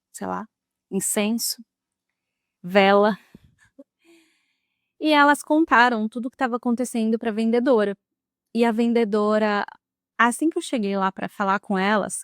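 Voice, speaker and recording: A woman's voice: medium pitch, no room sound, studio quality. A young woman telling a personal story to camera in a dramatic, emotional way. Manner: dramatic, emotional retelling with lively quoted speech. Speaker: vlogger.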